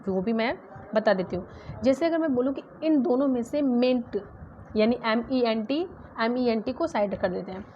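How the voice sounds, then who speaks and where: एक महिला शिक्षिका, अंग्रेज़ी व्याकरण का पाठ धैर्य से समझाती है और शब्दों की स्पेलिंग अक्षर-दर-अक्षर बोलती है।. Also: female voice, on the high side. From India. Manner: explains patiently, spells words out letter by letter. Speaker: English grammar teacher. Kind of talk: exam-prep grammar lesson. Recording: dull lo-fi sound with faint noise.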